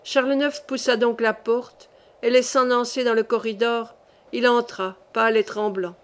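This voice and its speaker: A woman reading a classic novel aloud as an audiobook narrator, with steady, measured storytelling. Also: on the high side, clear, resonant tone.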